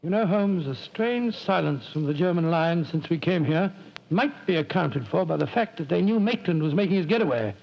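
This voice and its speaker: An actor playing a loyal, puzzled older English doctor, blustery and earnest, in 1940s radio style. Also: male voice, a little high, expressive, normal speed, creaky. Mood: puzzled, concerned. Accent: British. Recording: dull old radio recording.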